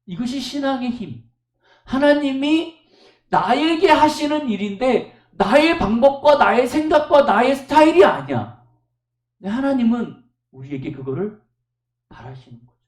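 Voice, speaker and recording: A male pastor delivers a sermon in an echoey church room, his voice sitting high and swinging widely in pitch. He tells stories with strong emphasis and keeps asking the congregation rhetorical questions. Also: big pitch swings, measured pace. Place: church service.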